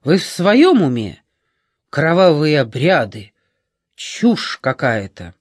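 A man's voice: fairly high pitch, very animated, slow pace, dry recording, clean studio sound, full character voice. A man reading an audiobook, voicing a frightened, angry old woman with scornful, indignant outbursts.

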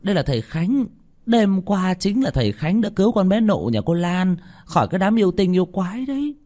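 A man's voice: very animated, a little fast, dark tone. A man voicing a frightened middle-aged village woman who shrieks in panic. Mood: bustling, loud. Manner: shrill, screaming in panic.

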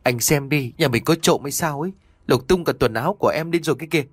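A man's voice: mid-range voice, lively intonation, a little fast, dry recording, close to an everyday voice. A man voicing a frightened young wife who talks anxiously, close to tears, in a told ghost story.

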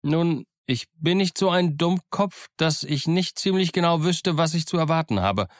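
A man voicing a defiant, excited young cabin boy in an audiobook, speaking in a fervent, declamatory way. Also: medium pitch, moderate pace, no room sound, lightly acted. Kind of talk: audiobook character voice. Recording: dry close studio sound.

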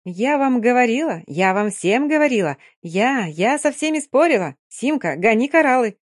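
A woman voicing a skinny, loud young Roma girl who shouts and laughs boastfully, in an audiobook. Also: mid-range voice, lively intonation, moderate pace, no echo, clean studio sound, natural voice. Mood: gleeful.

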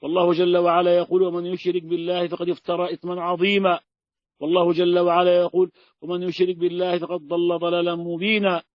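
Male teacher, high register, emphatic lecture delivery, dull lo-fi sound. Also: completely flat delivery, quick pace, no room sound. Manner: emphatic, piles up scripture quotations. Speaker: religious teacher. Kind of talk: explaining a classical text.

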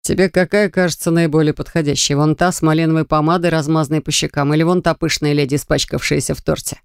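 A woman voicing a sly, teasing young nobleman in a fantasy audiobook, speaking softly and low. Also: steady tone, quick pace, vocal fry, clean tone, no echo, studio quality.

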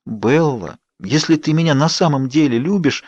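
Wheedling young woman vampire, lifted pitch, dry recording, audiobook, man reading her. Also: moderate pace, darkish tone, slightly rough, no echo, highs cut off. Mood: pleading. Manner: wheedling and coaxing. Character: pleading, bubbly young woman vampire friend. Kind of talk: audiobook character voice.

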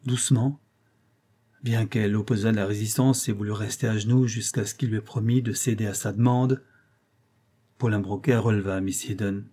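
A man narrating a classic French crime novel as an audiobook, in a low, subdued manner. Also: fairly even intonation, moderate pace, warm tone, slightly rough.

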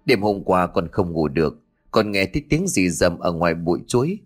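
A man's voice: low-pitched, sing-song, normal speed, breathy edge, soft background music, heavily acted. A man voicing an earnest young village man who gives urgent, pleading testimony through tears.

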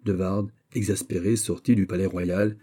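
A man reading a classic novel aloud in a measured, steady narration. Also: sits low, slightly rough. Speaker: audiobook narrator. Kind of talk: scripted narration.

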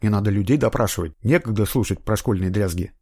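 A man playing an ironic, impatient middle-aged investigator in an audiobook, gruff and scolding. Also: on the low side, fast talker, a little mellow, no echo, clean studio sound. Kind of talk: audiobook reading.

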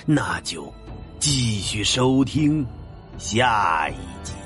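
A man voicing a slow, gravelly old man who invites young listeners back. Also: medium pitch, big pitch swings, a bit bright, soft background music, pitched below the performer's own voice, full character voice. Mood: teasing. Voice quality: gravelly, drawn-out. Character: old man host character.

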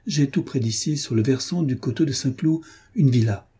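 A man's voice: medium pitch, normal speed, warm tone, husky, pitched above the performer's own voice. A man reading aloud voices a remorseful young woman who pleads earnestly and with feeling. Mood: earnest pleading. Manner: emotional, imploring.

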